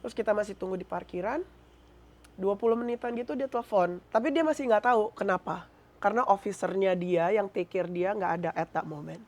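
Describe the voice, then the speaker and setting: A woman from Indonesia telling her story as an interview guest, mixing Indonesian with English in a lively, emotional retelling. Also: medium pitch, a little fast.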